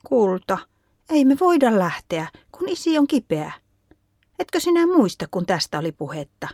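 A gentle, patient mother speaks softly and soothingly to her child, voiced by a woman reading the story. The voice sits somewhat higher and the sound is dry. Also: sing-song, no room sound.

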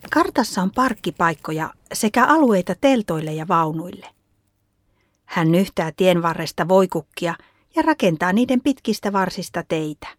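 A woman narrating a children's story in a calm, even reading voice. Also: lowish voice, dry recording.

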